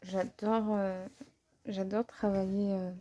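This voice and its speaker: A woman's voice: mid-range voice, little pitch movement, takes it slowly, warm tone, slight background noise. A woman vlogger chatting casually as she swatches watercolors, thinking aloud and poking fun at herself. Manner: chatty and self-deprecating. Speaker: art vlogger. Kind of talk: casual art-supply haul commentary.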